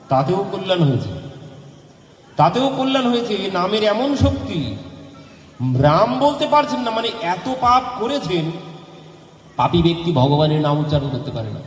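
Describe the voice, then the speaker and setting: A man preaches a devotional sermon, posing rhetorical questions and repeating key phrases. His voice sits high and moves at an unhurried pace. It rings with long reverb across a large hall over a faint ambient hum. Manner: repeats lines for emphasis, asks rhetorical questions. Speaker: Bhagavata preacher. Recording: echoey hall with faint background noise.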